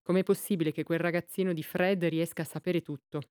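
A woman's voice: on the low side, steady tone, brisk, mellow, clean tone, no echo, studio quality, natural voice. A woman doing an officious village constable. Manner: official, formal.

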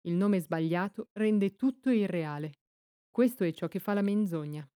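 A woman reading as a gentle wise child empress. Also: medium pitch, normal speed, dry recording, clean studio sound, natural voice. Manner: soft, gentle, quiet.

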